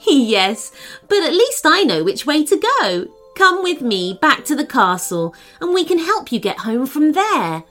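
A woman voicing a young girl princess freed from a spell, speaking in a high, tender tone. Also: very animated, a little slow, a bit bright, soft background music, full character voice. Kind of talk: storybook character reading.

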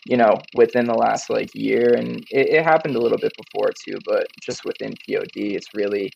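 Young male guest, very gravelly, low voice, slightly hoarse, laid-back and rambling, dull lo-fi recording. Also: brisk, a little mellow. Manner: laid-back, rambling, many "you know" fillers. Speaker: guest, print-on-demand business owner. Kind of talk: casual interview chat. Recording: dull lo-fi sound with faint noise.

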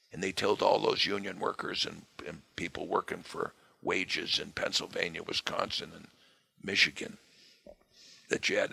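Hoarse male guest, raspy tone, dry close sound, punchy delivery. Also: low-pitched, pushed and bright, dry recording. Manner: emphatic, punches key words. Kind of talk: political interview conversation.

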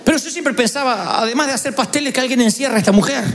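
A man's voice: very high voice, rapid-fire, a bit bright, slight background noise. A man preaching a sermon, telling stories with humorous asides.

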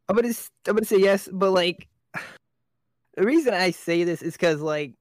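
A man's voice: sits high, a bit bright, dry recording, studio quality. Young man telling a rambling story. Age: young adult. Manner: rambling storyteller, swears a lot, laughs often. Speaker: podcast co-host. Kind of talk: casual chat.

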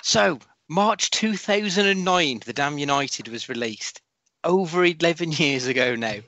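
A man's voice: a little high, a little slow, pushed and bright, no echo, highs cut off. A man hosting a casual football podcast, chatty and sweary, steering the discussion. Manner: chatty, sweary, moves the talk along. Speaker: podcast host. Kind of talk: casual podcast chat with scripted segments.

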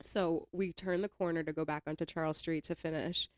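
A woman's voice: low-pitched, fairly quick, dry recording, clean studio sound. A woman in her twenties hosting a podcast, telling stories in casual chat with lots of laughter and swearing. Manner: laughing, animated storyteller, swears freely. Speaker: podcast host.

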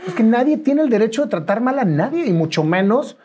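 A woman hosting an interview, reacting quickly and chatting with her guest. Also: fairly high pitch, sing-song, dark tone, breathy edge. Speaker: interview host. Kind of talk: conversational interview.

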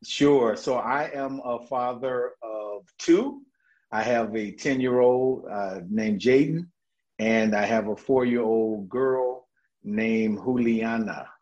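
A man talking as a guest in a casual interview, an energetic storyteller who laughs often and restarts his sentences. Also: medium pitch, slow pace. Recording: dull lo-fi audio.

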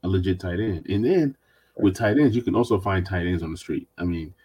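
A man's voice: sits low, fairly quick, dark tone, husky. A man hosting a sports podcast, chatting casually and animatedly, with mocking voices when he quotes others. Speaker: podcast host.

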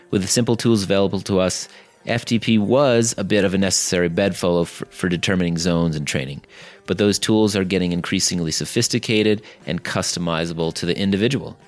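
A man with a deep, gravelly voice hosting a podcast and reading a scripted introduction. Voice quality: deep, gravelly voice from being ill. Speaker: podcast host. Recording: music behind the voice.

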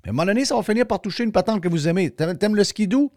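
Animated Québécois man hosting talk radio. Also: high voice, rapid-fire, no room sound, clean studio sound. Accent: Québécois French. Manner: colloquial, emphatic, addresses listeners directly. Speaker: radio show host. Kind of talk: opinionated talk radio monologue and sponsor reads.

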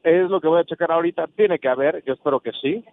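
A man's voice: a little high, quick pace, gravelly, a little hiss or hum. A man with a Mexican accent chatting casually as a guest calling in to a live show. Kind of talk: casual conversation. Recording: dull lo-fi remote audio.

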